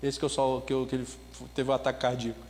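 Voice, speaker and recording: A man preaching a sermon as pastor, telling a story in an animated way with bits of laughter. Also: mid-range voice, in a large hall. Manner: ends with a slow spoken prayer.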